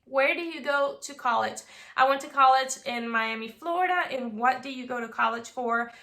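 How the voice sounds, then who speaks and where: A woman's voice: sits high, normal speed, creaky, sharp tone. A woman in her twenties from Venezuela, chatting casually to camera as a vlogger, bubbly with playful asides. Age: 20s.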